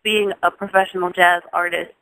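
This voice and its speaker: The audio is dry and poor, carrying a fairly low female voice with little pitch movement at a moderate pace. She's a Jamaican singer in her thirties being interviewed, thoughtful and relaxed, frequently starting phrases over and laughing softly.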